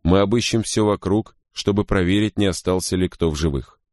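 A man voicing a stern ship's captain who gives formal orders in a low, measured way, in an audiobook. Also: a little mellow, dry recording, clean studio sound, close to an everyday voice. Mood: commanding. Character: stern male ship's captain, calm commanding.

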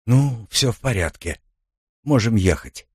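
Male reader voicing a tight-lipped young mother, clipped and quiet. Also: animated, unhurried, husky, no echo, clean studio sound. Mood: curt. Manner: curt, low and hushed. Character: grim, terse young mother, woman.

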